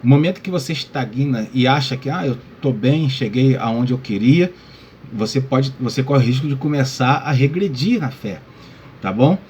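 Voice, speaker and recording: A male pastor speaks at a moderate pace in a medium-pitched, slightly mellow voice with lively intonation, some background noise underneath. His Bible lesson is relaxed, addressing people as brother and filled with "tá?" and "né?".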